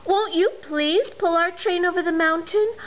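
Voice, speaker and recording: A woman's voice: extremely high pitch, normal speed, lo-fi sound, pitched above the performer's own voice. A woman voicing a chorus of small dolls and toys who plead earnestly in a storybook. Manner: begging, earnest.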